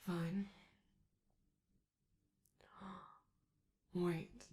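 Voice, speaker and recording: In a scripted ASMR roleplay, a woman plays a flamboyant, vain robot star, theatrical and doting, teasing with endearments and stretching out her words. Her fairly low voice holds a level, warm tone, and she sounds excited and playful.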